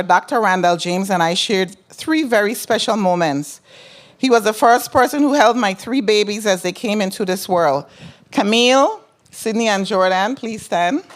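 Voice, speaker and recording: Middle-aged woman, mid-pitched, Virgin Islands Crucian accent, delivering a formal senator's speech of thanks with personal asides. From Saint Croix, US Virgin Islands. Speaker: newly elected senator. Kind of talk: ceremonial thank-you speech.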